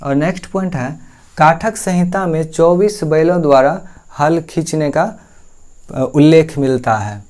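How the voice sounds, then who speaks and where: A man's voice: fairly high pitch, unhurried, darkish tone. A young man teaching exam-prep history point by point, asking questions and then answering them himself. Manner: explains point by point, asks and answers his own questions. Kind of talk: lecture.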